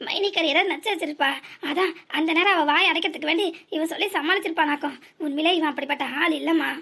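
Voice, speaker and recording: Cartoon aunt, voiced by a woman: reassuring, high-pitched, southern Tamil accent. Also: fairly even intonation, fast, a bit bright. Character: older aunt, calm and reassuring.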